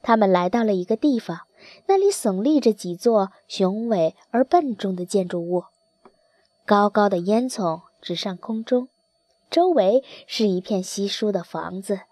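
Woman gently narrating a children's story. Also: medium pitch, expressive, unhurried, no echo, clean studio sound.

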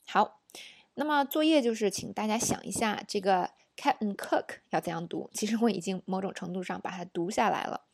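A woman teaching English pronunciation in an audio lesson, explaining slowly and saying each example word several times. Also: mid-range voice, gravelly, a little mellow, dry recording, clean studio sound.

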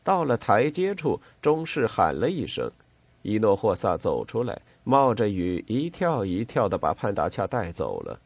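A man reading a novel aloud as an audiobook narrator, in a measured, expressive way. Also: fairly low pitch, slightly rough, dry recording. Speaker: audiobook reader.

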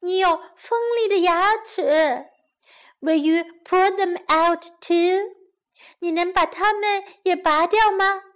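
Brief: a woman doing a clever, wary storybook girl, high and slow, lines read for children. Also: a bit bright, exaggerated voice. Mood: scornful.

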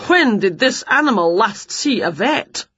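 A woman's voice: fairly high pitch, sing-song, measured pace, a bit bright, breathy edge, no echo, dull audio, voice pushed up, heavily acted. A woman doing a fussy, startled vet. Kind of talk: storybook reading.

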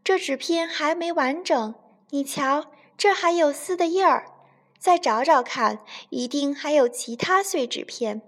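A woman voicing a clever, helpful little squirrel in a children's storybook, talking in a brisk, explaining way. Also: high-pitched, fairly bright tone, pitched above the performer's own voice.

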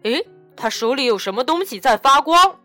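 A woman voicing a greedy, bullying male bandit chief and his bandits in a storybook reading, with loud, gruff shouting. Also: mid-range voice, animated, a little slow, soft background music. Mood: greedy excited.

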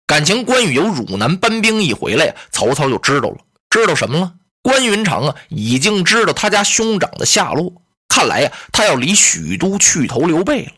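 A middle-aged male storyteller performing traditional Chinese oral storytelling with lively, drawn-out phrasing and sentence-end particles. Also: fairly high pitch, slightly rough.

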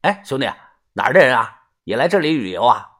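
Nosy gossipy tourist bloke, read by a male narrator, husky, chatty. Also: medium pitch, sing-song, brisk, fairly bright tone. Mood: curious. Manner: gossipy, curious.

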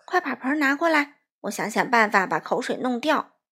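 A woman voicing a stern mother who scolds in a firm, loud voice. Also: a little high, very animated, moderate pace, slightly rough, heavily acted.

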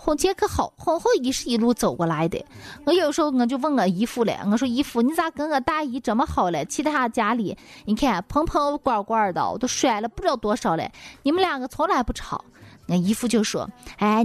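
A woman host telling comic stories in a folksy, exclamatory monologue. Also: fairly high pitch.

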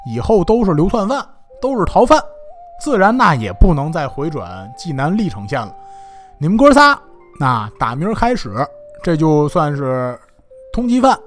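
A man voicing a shrewd, suspicious male official, pressing hard with questions. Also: sits high. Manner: pressing, interrogating.

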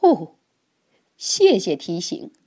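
A woman voicing a greedy, gruff snapping turtle in a children's storybook. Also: on the low side, wildly swooping pitch, very slow, mellow, full character voice.

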